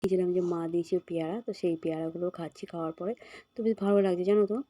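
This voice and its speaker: A woman in her thirties with a hoarse voice from a cold, softly narrating her day at home in a casual vlog. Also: fairly low pitch, fairly even intonation, soft background music. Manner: soft and unhurried, with many fillers. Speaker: vlogger. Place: home, indoors.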